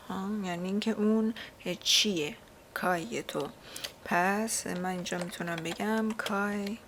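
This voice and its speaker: Woman teaching patiently, faint hiss. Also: mid-range voice. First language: Persian. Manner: explains patiently, with many fillers and checking "right?" questions. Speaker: language teacher. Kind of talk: casual spoken lesson.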